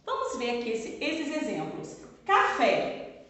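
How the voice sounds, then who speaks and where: A woman's voice: a little high, huge pitch swings, slow pace, fairly bright tone. A woman teacher with a Brazilian Portuguese accent giving a recorded lesson to pupils, stretching words to stress syllables and answering her own questions. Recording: echoey room with long reverb.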